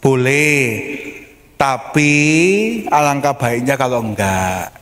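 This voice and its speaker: Pastor preaching in a reverberant church hall. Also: male voice, mid-range voice, slow pace. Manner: lively storytelling, acts out voices of parents and children. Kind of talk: sermon with acted-out quotes.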